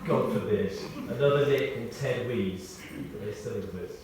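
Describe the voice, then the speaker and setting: A British man with a fairly low, somewhat dark voice reads a scripted memorial tribute full of humorous anecdotes at a moderate pace. The sound is very echoey, captured from a distant microphone with faint noise.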